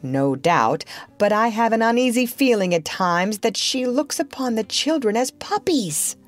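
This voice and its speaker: A woman's voice: on the high side, sing-song, a little slow, voice pushed up. A woman putting on a blustering, exasperated father. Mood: grumbling. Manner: theatrical, sarcastic, yelling in exasperation. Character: blustering, self-pitying Edwardian father.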